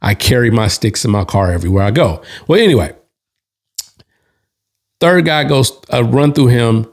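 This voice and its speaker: Male host, easygoing spoken story, loose slangy delivery with asides, average pitch. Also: normal speed. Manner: relaxed, slangy, with restarts and asides. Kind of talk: casual storytelling.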